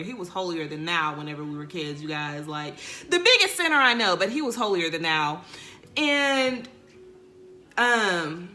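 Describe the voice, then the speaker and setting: A woman's voice: mid-range voice, bright, forceful tone. A young woman from Texas, talking candidly and rambling to her viewers in a heartfelt personal rant. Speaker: vlogger. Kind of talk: emotional personal rant to camera.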